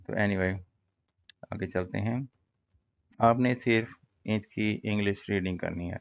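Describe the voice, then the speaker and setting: Male teacher, relaxed explainer, gravelly low voice, muffled lo-fi sound. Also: no room sound. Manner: relaxed, explains in Urdu with English terms, many fillers. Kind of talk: casual classroom-style lesson.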